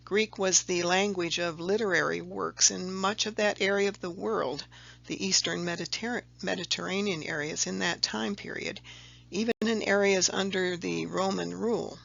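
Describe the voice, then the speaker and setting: In this video, a presenter methodically explains a letter-number table across slides, sometimes fixing their own mistakes. The medium-pitched voice moves at normal speed with fairly even intonation, vocal fry, and a slightly bright edge, while the audio's highs are cut off.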